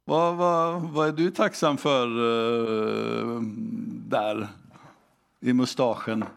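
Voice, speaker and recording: A man preaching a sermon, asking the congregation direct questions and reading scripture aloud slowly and deliberately. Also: mid-range voice, steady tone, vocal fry, clear, resonant tone. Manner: engaging, asks the congregation questions. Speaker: pastor.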